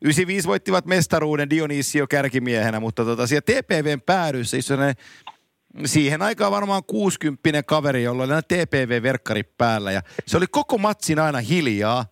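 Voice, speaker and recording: Lively man hosting a podcast. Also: on the high side, creaky, dry recording, studio quality. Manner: lively storyteller, laughs easily. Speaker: podcast host. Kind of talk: casual chat.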